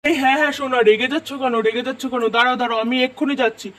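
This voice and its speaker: A woman voicing a hurried, henpecked middle-aged husband who talks in a flustered, placating way. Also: high-pitched, fairly even intonation, far from the mic, pitched below the performer's own voice, natural voice.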